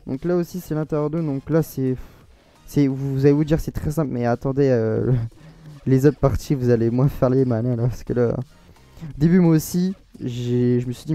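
Rambling French man with a mellow voice. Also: medium pitch. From France. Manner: rambling, self-correcting, laughs at himself. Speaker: modding tutorial creator. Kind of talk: casual screen-recorded tutorial.

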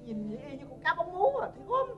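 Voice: high voice, huge pitch swings, racing. A performer playing a fussy, picky old mother in a stage comedy sketch, scolding her son with a Southern Vietnamese accent. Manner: scolding, exaggerated complaining. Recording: muffled old stage recording, faint music.

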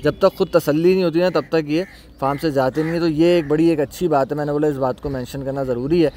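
पशु फार्म पर ऊँची आवाज़ वाला आदमी. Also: male voice, on the high side, steady tone, fast talker, mellow, slight background noise. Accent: Karachi Urdu. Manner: keeps saying mashallah, calls out orders to handlers. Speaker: cattle market vlogger. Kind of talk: off-camera commentary showing livestock. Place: outdoor cattle farm yard.

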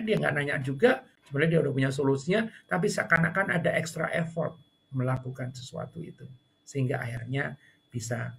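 A man giving a seminar talk on customer service, chatty and repetitive, acting out customers and staff in higher voices. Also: creaky, fairly bright tone. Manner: conversational, repeats key points. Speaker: speaker on service culture.

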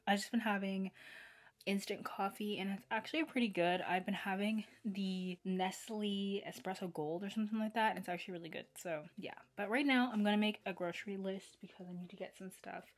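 A young woman chatting casually to camera at home as a vlogger, relaxed and full of likes and ums. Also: medium pitch, fairly quick. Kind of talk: casual vlog chat to camera. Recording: roomy echo.

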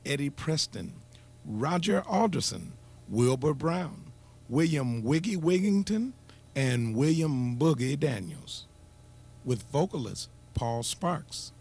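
A man reading scripted documentary narration at a steady pace. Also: fairly high pitch, slow, vocal fry, husky.

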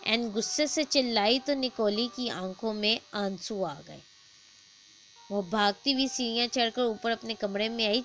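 A woman reading a horror story aloud in a steady, even storytelling voice. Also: medium pitch. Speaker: narrator. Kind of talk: scripted horror story narration.

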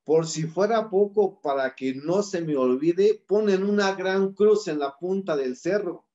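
Man, Mexican Spanish accent, impassioned public talk, rhythmic lists, mellow tone, muffled lo-fi recording. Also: high-pitched, a little slow. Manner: rhetorical, listing in rhythmic repetitions. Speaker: speaker at a community forum.

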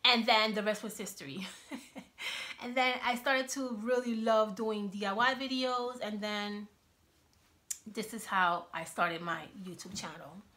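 A woman's voice: medium pitch, measured pace. A woman in her thirties, born and raised in Cuba, chatting casually in a vlog, filmed on an iPhone in her home kitchen. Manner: chatty, animated, talks with her hands. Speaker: YouTube vlogger. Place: home kitchen, indoors, small room. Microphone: iPhone on a selfie stand.

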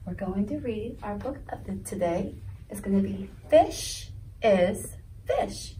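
Sing-songy story time lady reading a kids book, slow and lively, sounds a bit far off. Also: medium pitch, slight background noise. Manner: sing-song, animated, asks children questions. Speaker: children's story time leader. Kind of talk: reading a picture book aloud to children. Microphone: video recording.

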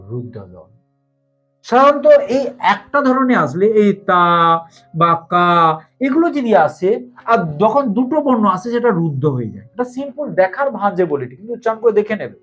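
A man teaching an exam-focused grammar lesson, asking questions and answering them himself. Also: sits high. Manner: asks students questions and answers them himself, repeats key terms. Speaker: tutor. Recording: slightly dull lo-fi sound with faint music.

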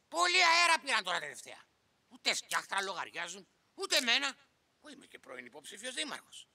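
A man plays a grumpy village bird-catcher in a children's radio play, his high, piercingly bright voice swooping wildly as he grumbles and blusters. He is quick to rage and never stops complaining. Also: gravelly, full character voice.

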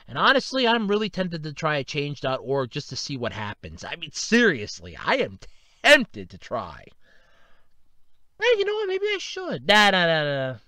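A man in his thirties giving a casual opinion monologue, swinging between loud outbursts and low mutters. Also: no room sound. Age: 30s. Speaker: video commentator.

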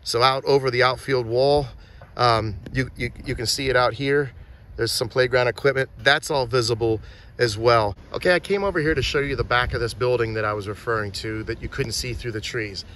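A man's voice: medium pitch, brisk, a bit bright, slight background noise. Chatty man giving an outdoor walking tour. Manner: chatty, pointing things out, restarts often. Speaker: filming location tour guide. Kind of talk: casual walking-tour narration. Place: outdoors and at shop windows in a small town. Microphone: handheld phone.

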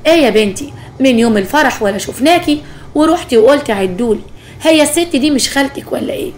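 A woman voicing a gentle young bride with an Egyptian Arabic accent who complains earnestly, in a spoken story. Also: sits high, expressive, fast talker, slight background noise. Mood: friendly.

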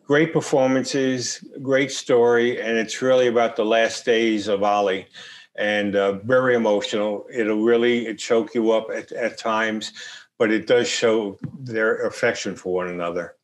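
A man in his sixties hosts an interview over a video call from a room at home. He asks his questions in a relaxed, conversational way and sounds like the webcam he is speaking into. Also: on the low side, a little slow. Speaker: host.

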